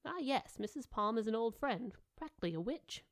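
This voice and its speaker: A woman reading aloud as a stern, dry-witted old witch who talks in a calm, measured way. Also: on the high side, pitched above the performer's own voice.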